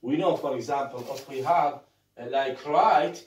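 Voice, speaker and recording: Slow, halting man lecturing on grammar. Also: medium pitch, a little mellow, recorded from a distance. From Iraq. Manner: halting, many fillers and rhetorical "what?" questions. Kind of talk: recorded classroom lecture. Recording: echoey room, voice from off-mic.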